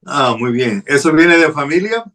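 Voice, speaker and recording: A man's voice: a little high, animated, moderate pace, fairly bright tone. A man hosting an interview, friendly and asking short prompting questions. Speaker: host.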